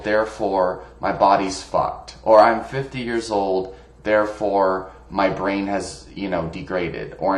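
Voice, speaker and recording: A man talking casually about fitness in a rambling way, with many fillers and restarts. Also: on the low side. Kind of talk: casual monologue. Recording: echoey room.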